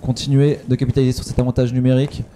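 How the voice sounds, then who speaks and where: A man giving live esports commentary in an excitable announcer style, repeating phrases for emphasis. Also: mid-range voice, rapid-fire, background noise.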